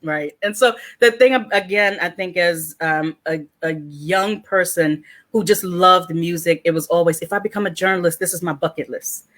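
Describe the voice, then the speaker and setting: A woman's voice: on the low side, normal speed, hardly any pauses. A woman from Washington, D.C. hosting a casual panel chat, telling stories and acting out the quotes in them. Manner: animated storyteller, acts out quotes. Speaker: host.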